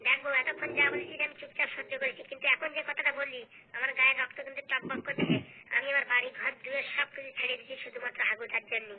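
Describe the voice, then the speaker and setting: In a comedy skit, a woman voices Phuto, a stubborn, hot-tempered young husband who blusters as he scolds his wife. She speaks fast in a high voice with little pitch movement, lightly acted, and the audio has a narrow, phone-like quality.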